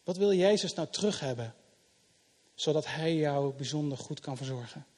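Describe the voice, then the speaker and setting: Husky-voiced pastor preaching in a reverberant hall. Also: male voice, a little high, animated, normal speed. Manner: conversational preaching, swinging between loud emphasis and soft asides. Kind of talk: sermon. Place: church hall.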